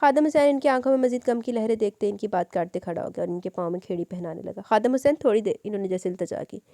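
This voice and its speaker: Woman, audiobook narrator, scripted novel narration, fast, mellow voice. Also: mid-range voice, no room sound, clean studio sound.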